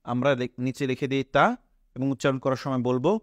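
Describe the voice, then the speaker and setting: A man with a Bangladeshi Bengali accent, teaching Quran letter pronunciation step by step, asking questions and answering them himself and drawing out each sound slowly. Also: mid-range voice, little pitch movement, no echo, clean studio sound. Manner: slow, patient, repeats each letter sound drawn out.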